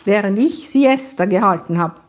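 A woman voicing a brisk, commanding older woman with a schoolmistress tone. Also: medium pitch, animated, close to an everyday voice. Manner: sharp schoolmistress tone.

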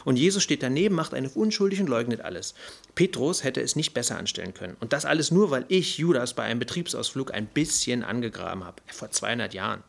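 A man's voice: medium pitch, expressive, fast talker, creaky. A man voicing a brash, irritable male fallen angel who rants in a flippant, indignant way. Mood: ranting. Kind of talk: audiobook character voice.

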